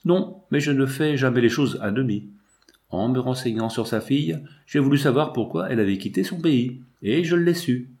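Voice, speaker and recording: A man's voice: medium pitch, lively intonation, moderate pace, darkish tone, natural voice. A man voicing a sly, insistent male business agent in an audiobook, with an eager, self-assured manner. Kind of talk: audiobook character voice.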